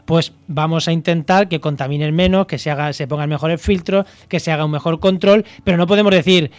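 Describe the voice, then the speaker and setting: A man's voice: on the high side, a little fast, dry recording. A man from La Mancha, a guest expert on a radio program, explaining environmental studies thoughtfully with many hesitations and restarts. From Castilla-La Mancha, Spain.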